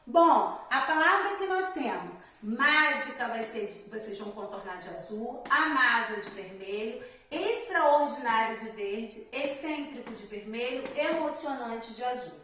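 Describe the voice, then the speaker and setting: Echoey, high-voiced woman teacher. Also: animated, measured pace, bright, forceful tone, far from the mic, a little hiss or hum. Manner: explains step by step with frequent "né?" and "galerinha". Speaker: primary school teacher. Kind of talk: recorded remote grammar lesson. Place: room at home. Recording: very echoey room, voice set back from the mic.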